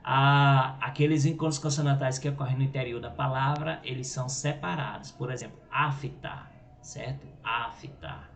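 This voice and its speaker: A man's voice: medium pitch, fairly even intonation, moderate pace, fairly bright tone. A Brazilian man teaching a grammar lesson, explaining step by step and checking in with "right?" and "ok?". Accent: Brazilian Portuguese. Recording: echoey room with faint noise.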